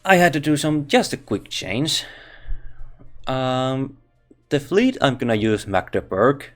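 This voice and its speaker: A man with a Finnish accent reviews a game casually in non-native English, at medium pitch but with big pitch swings. His delivery is slow and halting, full of restarted sentences and thinking aloud, over faint background music.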